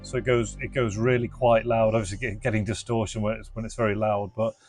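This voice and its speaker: Fast and fairly monotone, a British man with a low, darkish voice demonstrates a product for his retro gadget restoration channel, reviewing it informally and without a script in his garage. Faint music sits behind his body-worn mic recording.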